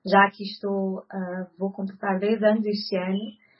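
A woman in her thirties with a European Portuguese accent, a guest answering interview questions with frequent pauses and fillers. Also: mid-range voice, little pitch movement. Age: 30s. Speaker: guest, co-founder. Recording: slightly muffled recording.

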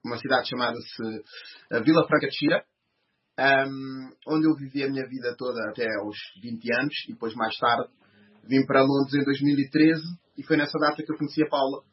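A man's voice: medium pitch, flat delivery, fairly quick. A man in his thirties with a European Portuguese accent, a guest answering interview questions hesitantly, with many fillers and restarts. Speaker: guest, podcast host. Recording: slightly muffled recording.

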